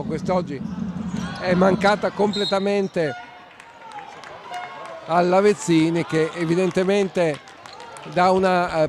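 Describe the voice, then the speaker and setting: A man giving live basketball commentary and analysis in a halting, emphatic, critical manner. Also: high-pitched, noisy background. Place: sports hall during a live game.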